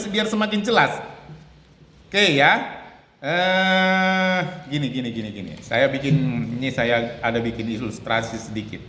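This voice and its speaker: A man's voice: mid-range voice, fairly bright tone, slight background noise. A man giving a casual sermon, explaining with a drawn illustration, repeating phrases and acting out quoted lines. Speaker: preacher. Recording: echoey room with long reverb, faint ambience.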